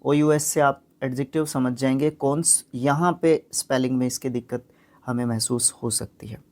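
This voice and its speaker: A man's voice: medium pitch, steady tone, a little mellow. Man teaching vocabulary, sounding out words. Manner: repeats and sounds out words slowly, drops in short fillers. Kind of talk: explaining vocabulary lesson.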